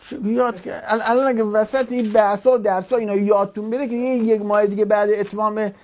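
A woman's voice: mid-range voice, fairly even intonation, a little mellow. A woman teaching an Arabic grammar class, patiently explaining step by step with examples. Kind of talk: online class, explaining verb conjugation.

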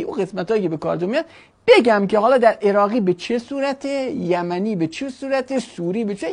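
Brief: gravelly-voiced language teacher at mid pitch, lecturing casually and tossing out rhetorical questions. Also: a little mellow. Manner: chatty, rhetorical questions, jokes. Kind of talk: classroom lecture.

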